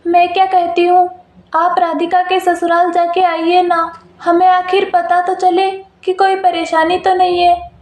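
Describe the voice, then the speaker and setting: A woman's voice: very high voice, monotone, measured pace, a little mellow. A woman voicing an anxious, caring mother who worries about her married daughter, in an echoey room. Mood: urging. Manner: fretful, pleading. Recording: roomy echo.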